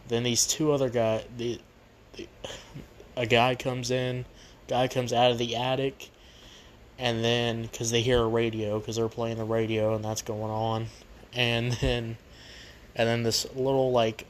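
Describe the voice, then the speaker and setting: A man hosting a casual, unscripted movie review, rambling and repeating himself, recorded on a poor makeshift microphone. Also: medium pitch. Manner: rambling, repetitive. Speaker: movie review show host. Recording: cheap makeshift mic, noisy background.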